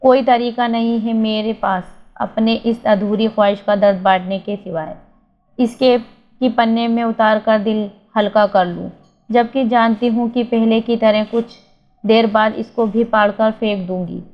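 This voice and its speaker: A sorrowful young wife pours out her hurt in a letter, speaking in a confiding way, voiced by a woman narrator. Her voice sits fairly high. The sound is a little dull and lo-fi. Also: steady tone, a little slow. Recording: slightly dull lo-fi recording.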